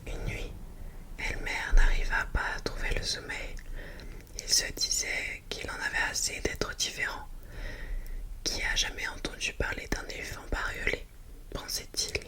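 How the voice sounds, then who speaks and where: An ASMR host reading a children's picture book aloud in a hushed library whisper, with gentle phrasing and small asides to listeners. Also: a little slow.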